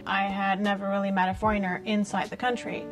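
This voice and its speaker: A native Czech speaker from a small town in the Czech Republic, a woman in her late twenties, appears as a guest in a casual interview, speaking informally and thoughtfully with a Czech accent. Her mid-range voice stays fairly flat in pitch and moves briskly over music. The set is a small, bright, living-room-style space indoors.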